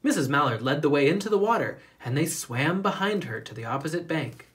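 Animated children's storybook narrator. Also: medium pitch, brisk. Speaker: storybook reader, educator. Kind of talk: expressive children's picture book narration.

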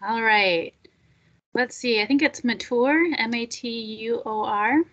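Slow, upbeat woman facilitator on a video call. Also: a little high, a bit bright, muffled recording. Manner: upbeat, calls on each person by name. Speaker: meeting facilitator.

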